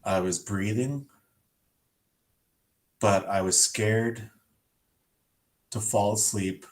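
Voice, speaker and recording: A man's voice: on the low side, steady tone, extremely slow. A man in his thirties from Canada, carefully recalling a hospital stay in an interview. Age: 30s.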